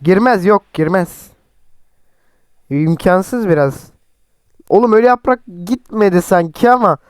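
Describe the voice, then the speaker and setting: Hoarse young man, high voice. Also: animated, a little slow, no echo. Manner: chatty, teasing, shouts at players. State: sore throat, voice cracking. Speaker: mobile football gameplay streamer. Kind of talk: excited gameplay commentary.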